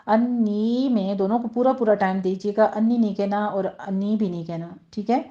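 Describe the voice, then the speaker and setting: A woman teaching Quran recitation rules, explaining each point patiently and slowing right down to model the words herself. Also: medium pitch, fairly even intonation, dark tone. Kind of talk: tajweed lesson with slow recitation. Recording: slightly dull lo-fi sound.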